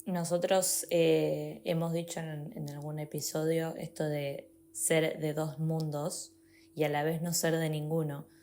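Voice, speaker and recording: A woman, a podcast co-host commenting reflectively and warmly. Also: deep voice, level tone, measured pace. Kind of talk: interview commentary.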